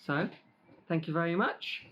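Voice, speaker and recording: A man giving a lively children's church talk, playful and chatty, eating grapes as he speaks. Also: fairly high pitch, a little slow, a little hiss or hum. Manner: lively, playful, eats grapes while talking. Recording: dull lo-fi recording.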